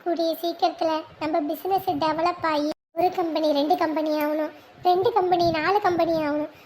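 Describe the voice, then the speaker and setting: A woman's voice: very high-pitched, steady tone, moderate pace, a little mellow, a little hiss or hum. An actress playing a doting young wife speaking tenderly to her sleeping husband in a family drama. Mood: adoring. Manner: tender, adoring. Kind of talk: family web drama acting.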